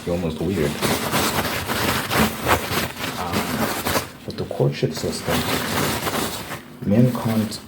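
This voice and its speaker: Guy with a really low voice, casual opinionated advice talk, repeats himself a lot, noisy background. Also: expressive, very slow, pauses often. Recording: clear background noise.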